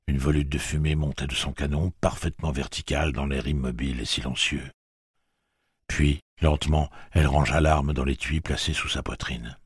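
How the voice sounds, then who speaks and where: Extremely deep, husky male narrator. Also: no room sound, studio quality. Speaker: audiobook narrator. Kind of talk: scripted narration.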